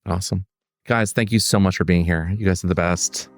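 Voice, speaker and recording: A man's voice: deep voice, steady tone, a little fast, soft background music. Upbeat man hosting a podcast. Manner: upbeat, chatty questioning. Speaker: podcast host. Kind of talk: podcast interview.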